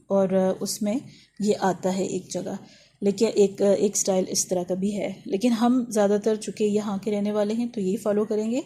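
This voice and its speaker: A woman's voice: mid-range voice, warm tone. Patient woman teaching letter sounds. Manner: patient, demonstrates sounds slowly and repeats them. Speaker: Quran reading teacher. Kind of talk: online recitation lesson.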